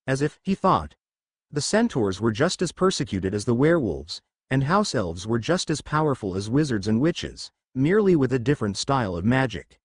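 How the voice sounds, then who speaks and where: A man reading a fan-fiction story aloud in an expressive narration. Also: medium pitch, normal speed, husky, dry recording, studio quality.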